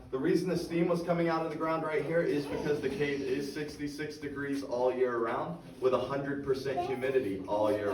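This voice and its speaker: A man's voice: medium pitch, background noise. A man working as a tour guide, narrating to a group in a projecting, folksy way, in an echoing cave. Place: inside a rocky cave, standing among a tour group. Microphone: phone camera held several metres away. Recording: echoey cave, far from the mic.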